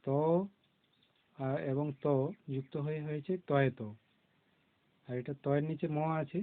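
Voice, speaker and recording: Man, children's reading lesson, slow patient explaining, thin narrow sound. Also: a little high, flat delivery. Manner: slow, patient, spelling out letters one by one. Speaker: primary school teacher. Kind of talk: classroom lesson on conjunct letters. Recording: tinny phone-like recording.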